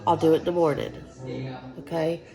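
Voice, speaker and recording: Over music, a woman with a low, steady voice talks briskly to the camera in her home kitchen. The homesteading vlogger has a Southern US accent, sounds stuffed-up and nasal from sinus trouble, and mixes blunt talk, cursing, and dry humor.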